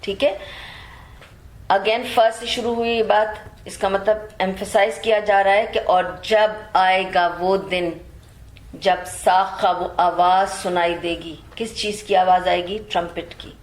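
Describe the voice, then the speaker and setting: A woman teaching Quran commentary, reciting verses slowly and then explaining them in mixed with English words. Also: mid-range voice, fairly even intonation, echoey room.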